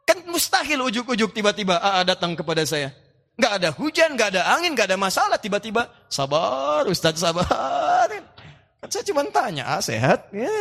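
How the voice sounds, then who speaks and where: A male preacher with a high, lively voice delivers a sermon in a big hall, and the long reverb trails each phrase. He plays out small scenes from home life and recites Quranic Arabic between his points.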